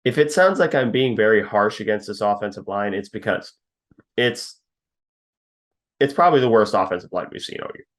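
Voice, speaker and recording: Young man, podcast co-host, low-pitched, casual football scouting talk, stats and dry jokes. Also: expressive, normal speed. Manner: detailed, reads stats, laughs at his own jabs.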